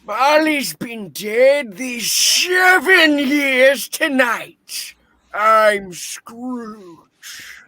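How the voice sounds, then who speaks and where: Miserly old male boss for a radio play, man acting: high, bright, slow-paced, irritable and scornful. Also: animated, no room sound, exaggerated voice. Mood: curt, sarcastic. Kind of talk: dramatic play reading, radio-play style.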